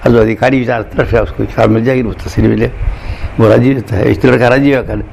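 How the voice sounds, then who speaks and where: Gravelly man giving a morning sermon. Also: mid-range voice, fairly even intonation, quick pace, a little mellow, slight background noise. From India. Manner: conversational, addresses listeners directly, weaves in recited verses. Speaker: spiritual teacher.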